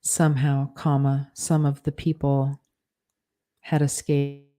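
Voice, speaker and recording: Writer dictating fiction, spoken punctuation; mellow tone, unhurried delivery. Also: medium pitch. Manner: measured, flat dictation, spelling out punctuation and corrections.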